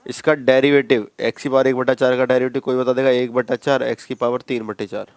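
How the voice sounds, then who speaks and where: A man's voice: medium pitch, level tone, fairly quick, no room sound. A man teaching a maths class, talking students through each step in a casual, repetitive way and calling them bhai. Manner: conversational, addresses students as bhai, repeats steps. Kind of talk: classroom lecture.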